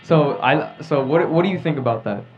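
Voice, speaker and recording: This teen podcast host has a voice on the high side and talks at a normal speed while guiding a casual group discussion, often asking "right?" as he explains. Music plays in the background of the dull, noisy lo-fi recording.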